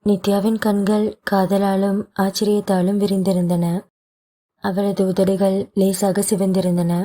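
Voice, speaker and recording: A woman narrating a romance audio novel as scripted narration, with a slow, even storybook reading. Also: mid-range voice.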